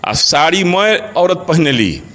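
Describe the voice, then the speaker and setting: A middle-aged man with a Bhojpuri accent speaking passionately in an interview, asking rhetorical questions and rising in pitch on his points. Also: very animated, takes it slowly, fairly bright tone. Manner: emphatic, rhetorical questions, rises in pitch when stressing points.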